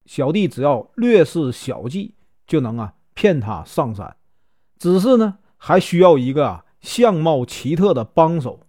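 A male storyteller voicing a shrewd, calm strategist who speaks in a measured, scheming way. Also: on the high side, no room sound, studio quality. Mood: sly.

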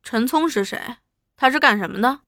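A woman's voice: fairly high pitch, normal speed, a bit bright, no room sound, clean studio sound, natural voice. A woman voicing a defiant male underground leader who answers with scornful indignation. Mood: scornful calm.

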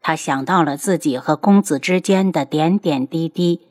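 Low-voiced woman reading a novel. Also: normal speed, a little mellow, no echo, clean studio sound. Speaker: narrator. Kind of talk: audiobook novel narration.

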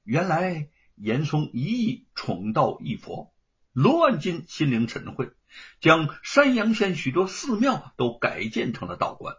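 A man narrating a story in an animated, dramatic storytelling manner. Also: a little high, measured pace, slightly rough. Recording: dull lo-fi recording.

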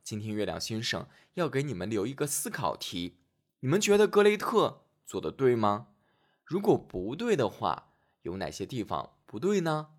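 A man narrating a fairy tale for children as the show's host, gentle and expressive, speaking directly to young listeners. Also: mid-range voice.

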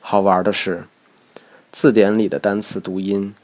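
A man whose first language is Chinese, giving a scripted lesson in a measured, explanatory way, slowing down to demonstrate words. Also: on the low side, flat delivery, a little mellow. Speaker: English teacher.

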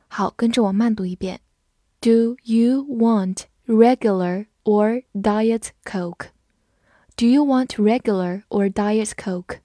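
A woman teaching English vocabulary, spelling words letter by letter and reading examples slowly and clearly. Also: fairly high pitch, dark tone, no room sound, clean studio sound. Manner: clear and patient, drawn-out model readings.

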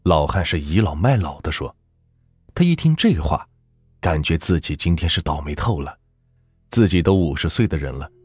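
A man narrating a folk ghost story in a husky voice, with lively, dramatic delivery. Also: deep voice, no echo.

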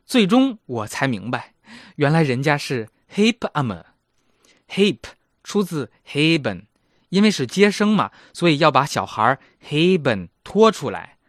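A man's voice: a little high, big pitch swings, measured pace, dry recording, studio quality. A man in his thirties hosting a casual language lesson, chatty and self-mocking. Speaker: German language teacher and host.

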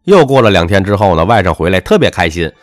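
A man giving a motivational monologue with a personal story, talking emphatically in a lecturing way and letting his phrases drop low at the end. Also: sing-song, fast, no room sound, clean studio sound. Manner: emphatic, lecturing, swings between punchy highs and dropped low endings. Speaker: self-help speaker.

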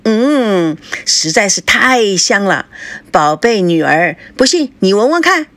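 A woman's voice: medium pitch, big pitch swings, takes it slowly, a bit bright, dry recording, exaggerated voice. Woman voicing a coaxing, blustering middle-aged dad. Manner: coaxing, sing-song, grumbling.

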